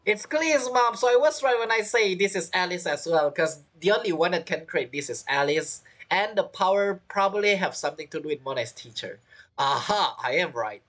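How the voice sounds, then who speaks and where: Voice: medium pitch, lively intonation, normal speed, fairly bright tone. A game streamer giving casual reaction commentary and theorizing aloud.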